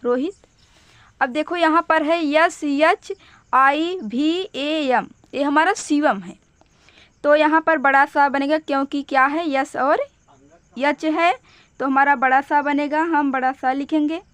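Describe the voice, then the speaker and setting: Female teacher, high pitch, unhurried step-by-step delivery, patient and repetitive. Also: steady tone, a bit bright, dry recording. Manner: patient, repeats each step slowly. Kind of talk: step-by-step spelling lesson.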